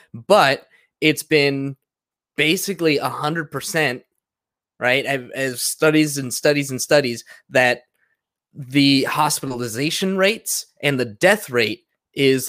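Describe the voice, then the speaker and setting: A man's voice: medium pitch, a little slow, fairly bright tone. A man in a casual debate, talking earnestly and persuasively with many fillers. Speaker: conversation partner.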